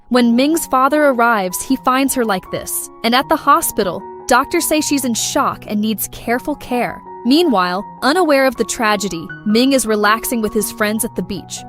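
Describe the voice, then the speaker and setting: A woman giving a scripted drama recap narration in a steady storytelling delivery. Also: fairly high pitch. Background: faint background music.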